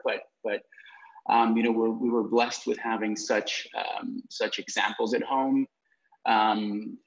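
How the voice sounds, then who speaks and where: A man in his thirties from Guatemala, a guest entrepreneur telling his story on a video call, with many fillers and repeated words. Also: on the low side. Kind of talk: conversational storytelling. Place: indoor room with brick wall. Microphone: video call with earbuds. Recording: muffled lo-fi video call audio.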